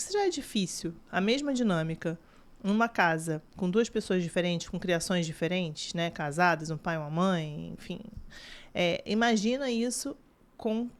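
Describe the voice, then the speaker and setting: A woman's voice: mid-range voice, expressive, normal speed. Chatty Brazilian woman nutritionist. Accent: Brazilian Portuguese. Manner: chatty, acts out quoted dialogue with parents. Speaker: guest, child nutritionist. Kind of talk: casual podcast conversation.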